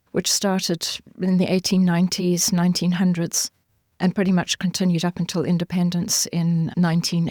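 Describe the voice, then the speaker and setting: A middle-aged woman from Zimbabwe speaks in a fairly low voice, measured and earnest, pausing with ums as she explains. The sound is dry and close, with no room around it. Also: a little mellow, no echo. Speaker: guest, forensic anthropologist. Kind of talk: thoughtful interview answers.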